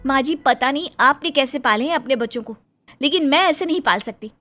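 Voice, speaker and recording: A woman's voice: high voice, fairly quick, sharp tone, soft background music, pitched above the performer's own voice. A woman voicing a worried, frustrated young mother and daughter-in-law in a cartoon story, anxious and pleading. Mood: exasperated. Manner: anxious, pleading, rising to exasperation.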